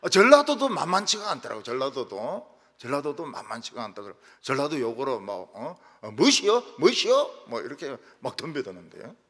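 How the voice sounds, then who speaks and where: An older man preaching a sermon as pastor, telling stories with lively asides and mimicking how people quarrel in regional dialects. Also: mid-range voice, fairly quick, few pauses. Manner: animated storytelling, acts out quarrels in regional dialects. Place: church sanctuary. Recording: reverberant church hall.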